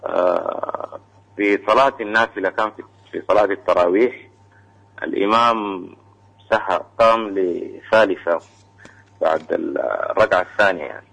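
A man calling in to a radio show, asking a religious question about prayer, hesitant with many pauses and fillers. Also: low voice, creaky, a bit bright, poor audio. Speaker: caller.

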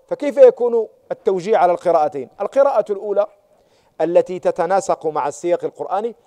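A man's voice: high-pitched, lively intonation, very fast, dark tone. A man teaching a class on Quranic exegesis, repeating key words and often checking that students follow. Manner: checks understanding with rhetorical questions, stresses and repeats key words.

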